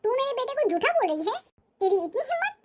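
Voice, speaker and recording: A shrill, bossy old grandmother in a cartoon, voiced by a woman. She speaks with an Awadhi-tinged Hindi accent. Her voice is very high, and she scolds sharply. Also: sing-song, fast, slight background noise. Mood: indignant. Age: older. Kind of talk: cartoon voice acting.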